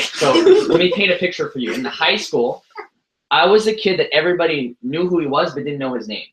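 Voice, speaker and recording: A motivational speaker from the United States, in his twenties, tells self-deprecating stories and jokes throughout a speech to an audience. His mid-range voice is a bit bright, though the recording cuts off the highs and has an echoey room sound.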